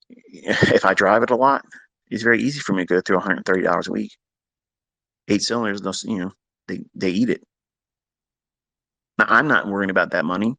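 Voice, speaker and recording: A man's voice: low-pitched, fairly bright tone, no echo. Blunt, scolding man lecturing traders. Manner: blunt, scolding, slows down for emphasis. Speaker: trading mentor hosting a live audio room. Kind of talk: lecturing monologue. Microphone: remote audio call.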